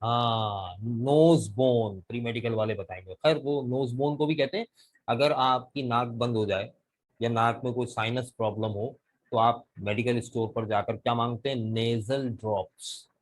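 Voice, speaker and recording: A man's voice: medium pitch, unhurried, poor audio. Pakistani man teaching an online class. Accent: Pakistani Urdu. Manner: explains step by step, asks students questions. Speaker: English vocabulary teacher. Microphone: video call.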